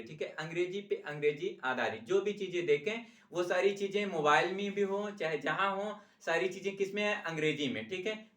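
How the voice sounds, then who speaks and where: A male English teacher with a fairly bright, somewhat high voice gives a basic language lesson in an echoey room. He teaches in a questioning style, checking in with learners, repeating their answers back, and saying "ठीक है" after each point.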